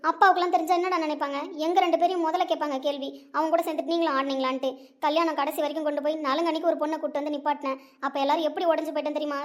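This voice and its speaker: A woman's voice: high-pitched, lightly acted. A woman playing a worried middle-aged mother who scolds and comforts her grown son. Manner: pleading, scolding, tender. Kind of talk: web series drama acting.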